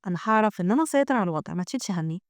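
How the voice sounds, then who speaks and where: A woman's voice: medium pitch, expressive, very fast, no echo, studio quality, close to an everyday voice. A woman with an Egyptian accent voicing a stubborn, wary half-dragon girl thinking wryly to herself. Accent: Egyptian Arabic. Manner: inner thoughts, wry.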